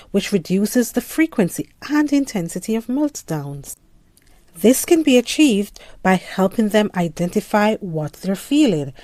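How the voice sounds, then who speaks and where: A woman reading scripted parenting tips in a calm, measured, gentle way. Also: mid-range voice, no echo. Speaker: parenting educator. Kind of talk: scripted advice narration.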